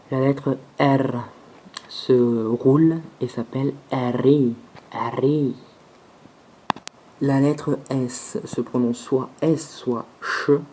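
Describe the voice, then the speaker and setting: A man giving an alphabet pronunciation lesson, slow and deliberate, repeating each sound several times, recorded on a phone. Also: medium pitch, mellow, slight background noise, poor audio. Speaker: language teacher.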